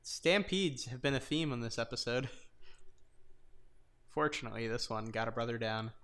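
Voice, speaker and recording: A man's voice: medium pitch, normal speed, fairly bright tone. A man in casual chat, upbeat and laughing, running through his list. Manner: enthusiastic, laughing. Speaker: co-host.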